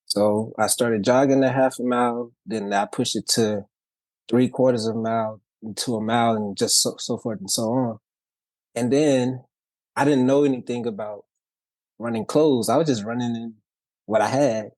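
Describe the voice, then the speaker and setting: A man's voice: mid-range voice, fairly even intonation, normal speed, darkish tone, no room sound. A man from Louisiana who grew up in Texas, telling his story as a podcast guest in an easygoing, upbeat way. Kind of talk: casual conversational storytelling.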